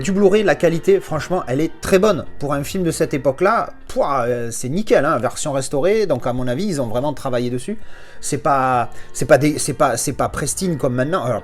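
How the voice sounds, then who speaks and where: A man's voice: medium pitch, lively intonation, a little fast, faint music behind. A man with a French accent giving a casual, rambling film and Blu-ray review, full of fillers and restarts and chatty asides to the viewer.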